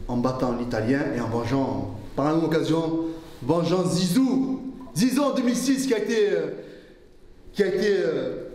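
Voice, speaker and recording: A man's voice: a little high, darkish tone, very echoey. A man from Marseille cutting a wrestling promo with joking, sarcastic asides. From Marseille, France.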